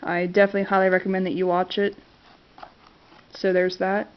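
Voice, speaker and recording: This vlogger's medium-pitched voice stays clear and resonant despite her cold, with little pitch movement and a slightly fast pace. Talking casually about favorite films, she stumbles through fillers and restarts. The camera audio is dull and lo-fi.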